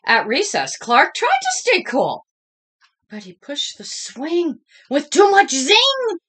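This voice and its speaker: A woman reading a children's story aloud in a dramatic, expressive style, speaking to young listeners as she goes. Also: high voice, slow pace. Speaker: storybook reader.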